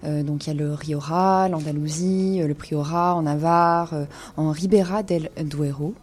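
A woman talks through a wine segment in a radio studio. Her voice sits a little low and sounds warm and mellow. She hesitates often, filling gaps with small sounds as she goes. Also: steady tone, moderate pace. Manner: hesitant, many fillers. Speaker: wine columnist.

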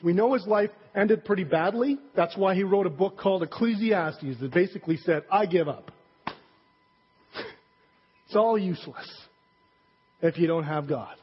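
A man's voice: sits high, moderate pace, long pauses, husky. A male pastor preaching a sermon in a conversational, joking way, full of fillers and asides. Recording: dull recording with long hall reverb.

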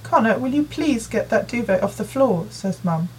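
A woman voicing a busy working mother who fusses and hands out chores in a brisk, nagging way, read as an audiobook character. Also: on the high side, lively intonation, a little mellow, slight background noise, lightly acted, poor audio. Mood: bossy. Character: busy, fussing working mother in her forties.

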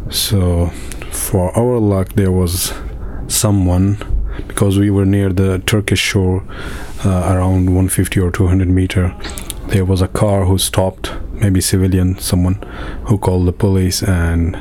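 Low, flat-voiced man. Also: slight background noise. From Afghanistan. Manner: halting, with many fillers and restarts. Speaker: interviewee, refugee in a camp. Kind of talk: personal testimony in an interview.

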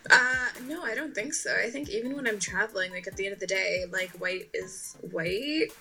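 A young woman speaks as a podcast guest in bright, lively casual chat. Her comes through as she talks animatedly, laughing easily and filling her speech with "like." Her pitch stays in the middle range for a woman. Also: normal speed, gravelly, rough recording. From Canada. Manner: animated, laughing, heavy use of "like".

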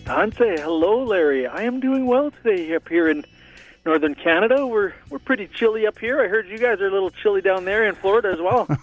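Male guest musician, high-ish voice, tinny phone line, easygoing rambler. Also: expressive, a little fast, soft background music. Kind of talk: casual interview chat. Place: home in northern Canada.

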